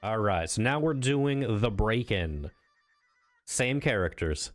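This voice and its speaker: A man streaming a mystery game, chatting casually and quickly. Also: lowish voice, lively intonation, soft background music. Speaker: streamer and voice performer. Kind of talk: casual gaming chat.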